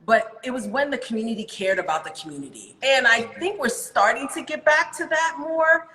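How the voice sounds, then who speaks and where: Bright woman host in a big echoey hall. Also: fairly high pitch, animated, moderate pace. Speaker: interview host. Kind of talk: casual interview chat. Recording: roomy voice with long hall reverb.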